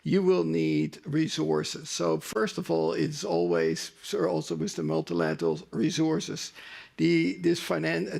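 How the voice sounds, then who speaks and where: A man explaining policy on a panel in a halting way, often restarting his phrases. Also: a little high, creaky, a little mellow. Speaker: development bank official on a panel.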